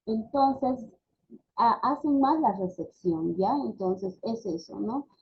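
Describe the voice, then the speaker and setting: A woman's voice: a little high, animated, slow pace, a little hiss or hum. A woman, a speech therapy lecturer explaining things in an online class, often checking in with tag questions. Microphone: video call. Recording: dull lo-fi video call audio.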